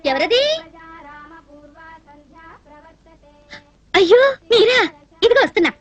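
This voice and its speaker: A woman's voice: extremely high pitch, expressive, fast talker, highs cut off. An actress dubbing a naive, lovestruck young woman who pleads dramatically and tearfully in a film comedy. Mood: welcoming. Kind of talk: dubbed film comedy acting.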